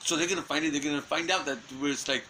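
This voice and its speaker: A man's voice: on the high side, fairly even intonation, rapid-fire, pushed and bright, slight background noise, poor audio. A man in an unscripted monologue, rambling through restarts and fillers and swearing often. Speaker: self-styled messenger giving a prophecy.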